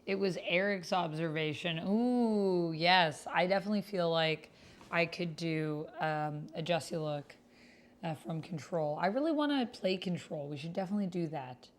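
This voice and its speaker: On her casual livestream, a role-playing host reads typed text aloud at a normal speed in a lowish voice. She talks with her audience and partly to herself. Keyboard clatter in the background leaves the audio clearly noisy.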